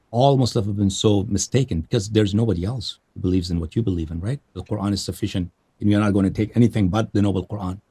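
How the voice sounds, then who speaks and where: A man hosting a live call-in debate, pressing his guest with animated, challenging questions. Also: on the low side, breathy edge. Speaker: show host.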